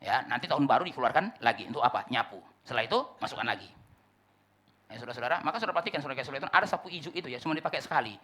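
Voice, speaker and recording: Male pastor from the Manado area, fast bright delivery, preaching with sudden hushed drops. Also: medium pitch, animated, husky. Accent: Indonesian, Manado area. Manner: preaching with repeated congregation address, acted-out dialogue, sudden drops to a hush. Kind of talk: sermon.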